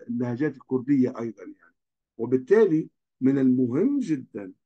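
A man's voice: mid-range voice, dark tone, lo-fi sound. A man from Libya, giving a recorded course lecture to students in an earnest, cautionary way.

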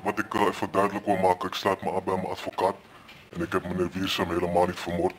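A man speaking a brief, halting courtroom statement as a suspect, his voice electronically distorted and pitched down to hide who he is. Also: completely flat delivery, a little hiss or hum. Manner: halting, with hesitant fillers.

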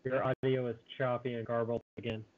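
A man's voice: mid-range voice, level tone, brisk, no echo. A man on a remote voice call with a thin, lo-fi connection, casually reporting audio problems during a livestream tech check. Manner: matter-of-fact troubleshooting. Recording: dry, phone-like call audio.

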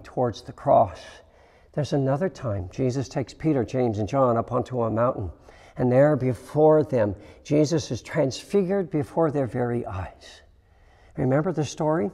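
A man preaching a sermon as pastor, slow and reflective, with dramatic pauses and hushed emphasis. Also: medium pitch, creaky. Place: church sanctuary. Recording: long reverb of a church hall.

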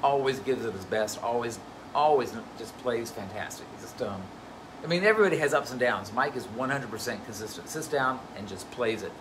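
A man who plays bass and directs a band, telling stories in a casual live question-and-answer chat, loose and full of fillers. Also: animated, fairly quick, background noise. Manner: chatty, anecdotal, loose with fillers. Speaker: bassist and band musical director.

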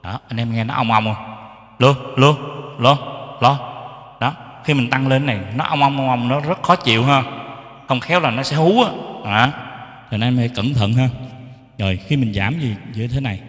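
A man's voice: mid-range voice, fairly quick, a bit bright. A man gives a casual how-to lesson on keyboard mic settings. He explains each setting and tests the mic with short sung syllables. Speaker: keyboard sound tutor. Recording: echoey room with long reverb.

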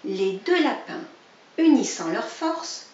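Slow, expressive woman storyteller. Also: a little high. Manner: expressive, addressing a child directly. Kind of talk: children's storybook reading. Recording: dull, roomy, distant recording.

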